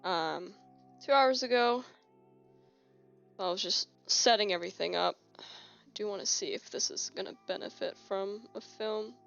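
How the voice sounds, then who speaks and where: A young woman chats casually on a live stream from her home desk while working on keyboard switches, her medium-pitched, creaky voice moving at a moderate pace with frequent pauses. She rambles in a relaxed way, full of fillers and restarts, sounding a bit sniffly. A phone on a holder records her through a slightly dull lo-fi mic, with faint music and keyboard clicks behind.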